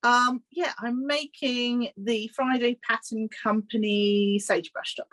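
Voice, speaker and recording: Relaxed woman guest, hesitant talker. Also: on the high side, unhurried, low-quality recording. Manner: relaxed, hesitant, frequent ums and laughs. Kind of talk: casual interview chat.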